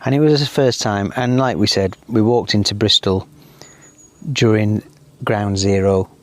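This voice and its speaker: Chatty middle-aged man, low-voiced. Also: a little slow, no room sound. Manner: chatty storyteller, animated when ranting. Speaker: podcast co-host. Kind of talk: casual chat. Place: outdoors in a garden.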